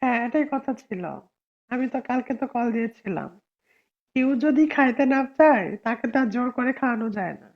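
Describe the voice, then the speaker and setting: A hoarse woman with a cold, hosting a casual live stream and arguing sharply with viewers. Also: on the high side, fairly quick, lo-fi sound. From Bangladesh. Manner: argumentative, answers viewers sharply.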